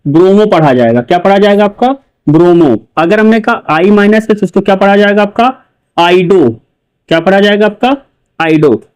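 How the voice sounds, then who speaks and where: A man's voice: high voice, moderate pace, darkish tone, clean tone, poor audio. A male chemistry teacher giving a lecture, asking his students questions and repeating each answer himself. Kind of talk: classroom lecture.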